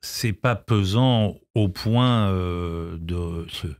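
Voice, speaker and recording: In a radio studio, a middle-aged film director and actor who is from Israel and grew up in France answers interview questions. His low, darkish voice moves extremely slowly on a dry, clean studio recording, hesitant and full of restarts before he presses his point emphatically.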